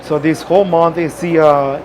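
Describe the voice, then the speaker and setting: A man from Peru with a Peruvian Spanish accent, a restaurant owner who pauses often to find his words while talking in his kitchen. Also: on the high side, fairly even intonation, background noise. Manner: halting, searching for words. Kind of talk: casual interview.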